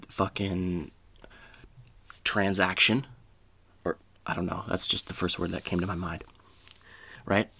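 A man's voice: low voice, a bit bright, dry recording. A man hosting a podcast, telling a rambling, profane, self-deprecating story in casual talk. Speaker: podcast host. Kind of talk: casual comedic monologue.

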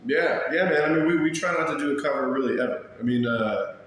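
A man's voice: medium pitch, fast talker, a bit bright. A man chatting casually as an interview guest in a small room, rambling along in laid-back slang. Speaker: interview guest, bar and band member. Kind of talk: casual chat. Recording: very echoey small room, faint noise.

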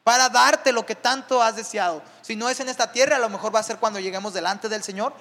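High-voiced male preacher in a reverberant church. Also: fairly bright tone. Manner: preaching with rising emphasis and frequent rhetorical "¿verdad?". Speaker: pastor. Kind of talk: sermon.

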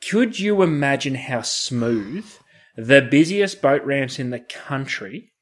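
A man with an Australian accent chats casually at a middling pitch. He uses laid-back, colloquial slang and sounds like a co-host on a talk show. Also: expressive, slow pace. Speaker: podcast co-host. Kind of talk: casual chat.

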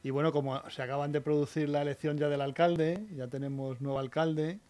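A man from La Guardia, Toledo, Spain, a municipal archivist with a Castilian accent, chats casually about local history as a radio guest. His voice is fairly high and darkish, with a level tone, and he talks a little fast, often repeating phrases.

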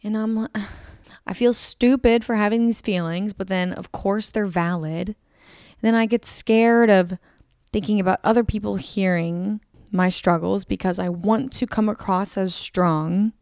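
A young woman hosting a podcast, talking candidly and emotionally about her personal struggles, often halting and restarting. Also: medium pitch, steady tone, a little mellow, no room sound, studio quality. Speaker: podcast host. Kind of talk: personal confessional monologue.

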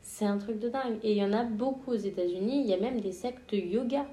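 A young woman talks with her friends in a casual, animated way, full of fillers. Her voice has a middle pitch and rings in a roomy, echoey space. A faint hiss sits under the recording. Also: brisk. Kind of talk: casual chat among friends. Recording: roomy echo, faint noise.

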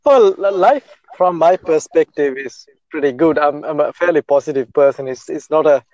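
A man's voice: on the high side, moderate pace, darkish tone, no room sound. A man from Australia chatting casually as a guest, agreeable, restarting and repeating his words, on a lo-fi recording. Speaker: accountant, podcast guest. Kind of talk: casual chat. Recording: dull lo-fi sound.

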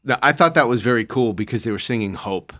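A middle-aged man co-hosting a casual faith podcast discussion, playful and quick to laugh at himself. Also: medium pitch, lively intonation, bright, forceful tone. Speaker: podcast co-host.

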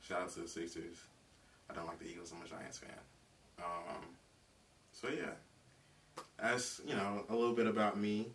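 A young man from South Carolina talks alone on his podcast, easygoing and rambling, full of fillers and slang. His voice sits low and stays flat. He sounds a little far from the mic, with faint noise behind him. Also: moderate pace, creaky, pauses often. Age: 20s. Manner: laid-back, rambling, lots of fillers and slang. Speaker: podcast host. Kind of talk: casual solo podcast talk.

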